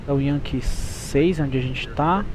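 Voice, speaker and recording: A man's voice: medium pitch, normal speed. A man, a Portuguese speaker, doing pilot checklists and radio calls. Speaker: flight simulator pilot streamer. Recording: clearly noisy, engine hum behind.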